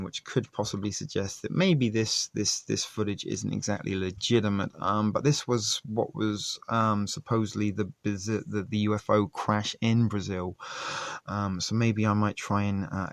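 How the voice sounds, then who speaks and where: Gravelly low-voiced man, halting casual commentary. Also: no room sound. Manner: halting, rambling. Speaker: host commenting on articles and videos.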